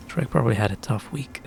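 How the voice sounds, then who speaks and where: Gravelly man chatting over his game. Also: mid-range voice. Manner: relaxed, chatty, thinking aloud. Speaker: streamer. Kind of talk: casual gaming commentary.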